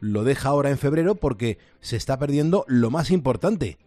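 A man reads a scripted radio report in a clear, measured way. His voice sits at a middle pitch. The studio sound is dry and close. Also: expressive, darkish tone, no room sound.

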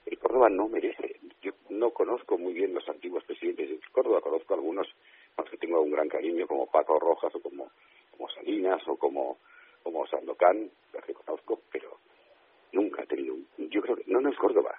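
A man from Spain with a Spanish accent calls in as a radio interview guest, his low, husky voice moving a little fast over a tinny telephone line with no echo. He sounds indignant and emphatic, often repeating himself.

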